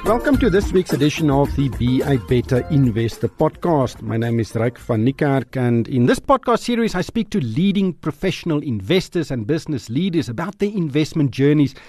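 A South African man hosting a podcast, asking questions in a lively way with a voice that rises and falls a lot. He is a little higher-pitched than most men. The sound is dry and close, with almost no room echo. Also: moderate pace, soft background music. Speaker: podcast host. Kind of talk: interviewing a guest.

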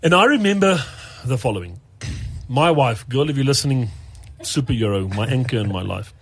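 Husky-voiced male radio presenter telling stories. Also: mid-range voice, normal speed. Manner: animated storyteller, acts out quotes, many restarts. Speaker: radio presenter and podcast host. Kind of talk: storytelling in casual talk.

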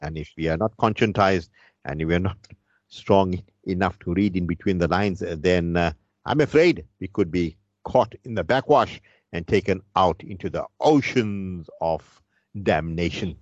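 A very low-voiced man hosts a talk show in a Durban Indian accent. He speaks in a halting, rhetorical way, and the dry sound is dull and lo-fi. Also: lively intonation. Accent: South African Indian, Durban. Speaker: radio talk show host. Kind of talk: conversational radio hosting. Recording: dull, roomy radio sound.

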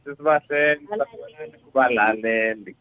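A man from Zimbabwe in his thirties with a Zimbabwean accent, speaking as a relaxed, good-humoured guest on a radio talk show. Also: medium pitch, brisk, phone-quality sound. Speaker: married guest. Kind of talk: casual radio interview.

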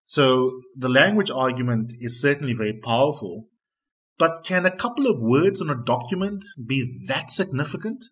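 A South African man with a husky, slightly rough voice works as a broadcast interviewer. A native Afrikaans speaker, he phrases his questions deliberately and articulately, in a measured way. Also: mid-range voice, lively intonation, fairly bright tone.

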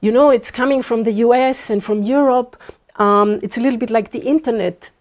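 A woman's voice: a little high, fairly quick. A woman in her fifties, from Austria, speaking as an interview guest, earnest and thoughtful with frequent fillers. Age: 50s. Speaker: guest, bitcoin advocate. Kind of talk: casual interview talk.

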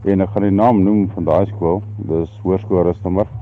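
Over a phone line, a middle-aged South African man with an Afrikaans accent gives a halting, plain-spoken account as a radio caller. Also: low-pitched, steady tone. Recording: narrow tinny phone line.

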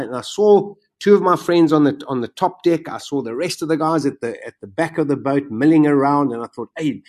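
A man telling his own survival story in conversation, animated and vivid, his voice jumping up when he relives the excitement. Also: a little high. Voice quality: self-described macabre sense of humor.

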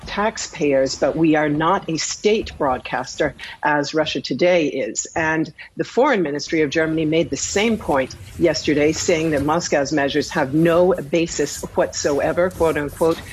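A woman, the chief political correspondent, answering questions in a live news interview in a measured way with frequent filler pauses. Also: deep voice, a little hiss or hum.

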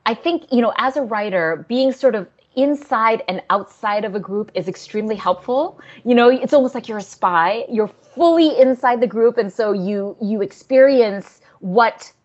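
A woman's voice: fairly high pitch, normal speed, hardly any pauses, darkish tone, lo-fi sound. A woman novelist from Singapore answering interview questions in a thoughtful, conversational way, with frequent fillers and light laughs.

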